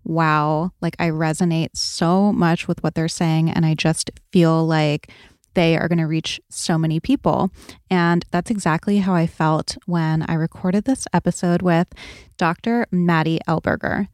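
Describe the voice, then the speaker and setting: A woman's voice: low-pitched, steady tone, unhurried, a little mellow, no room sound, clean studio sound. A woman podcast host chatting casually in a sleepy, just-woken morning voice. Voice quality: sleepy morning voice with some fry. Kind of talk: casual podcast intro chat.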